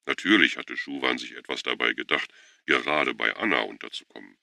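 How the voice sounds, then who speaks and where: A man narrating an audiobook in a steady, measured way on a close studio mic. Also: a bass voice, creaky, no room sound. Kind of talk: scripted narration.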